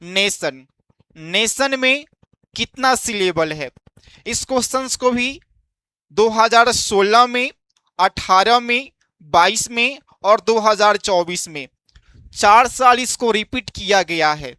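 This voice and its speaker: A male exam-coaching teacher who talks slowly and deliberately. His voice is bright and crisp, and it sounds dry and close. He explains step by step, throwing out quiz-style questions and answering them himself. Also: high-pitched, no echo. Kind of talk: exam-prep lesson.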